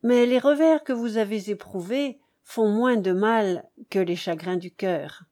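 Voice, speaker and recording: A woman's voice: mid-range voice, unhurried, dark tone, close to an everyday voice. A woman voicing a melancholy, dignified young English lord, speaking in a grave and restrained manner in an audiobook.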